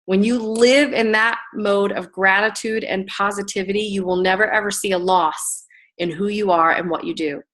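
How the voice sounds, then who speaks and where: Middle-aged woman coach on a group call, upbeat tough-love pep talk, mid pitch. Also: fairly even intonation, moderate pace, fairly bright tone. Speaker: business coach.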